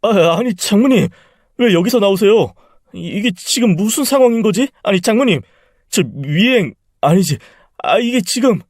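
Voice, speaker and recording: A man's voice: fairly high pitch, animated, normal speed, no echo, clean studio sound, close to an everyday voice. A man voicing a spiteful, scheming middle-aged son-in-law who mocks his sick mother-in-law. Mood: flustered. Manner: contemptuous, then flustered and pleading.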